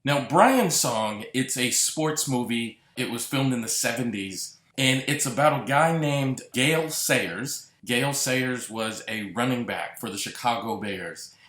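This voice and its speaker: A man's voice: medium pitch, lively intonation, measured pace, few pauses, a bit bright. A man hosting a solo podcast, talking earnestly and reflectively, lingering on repeated words. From Massachusetts. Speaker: podcast host. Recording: roomy echo.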